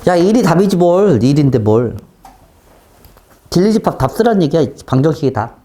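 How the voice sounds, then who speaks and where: A man teaching a math class, often stopping to check that students follow and switching between polite and blunt speech, with sudden loud exclamations. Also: a little high, very animated, normal speed.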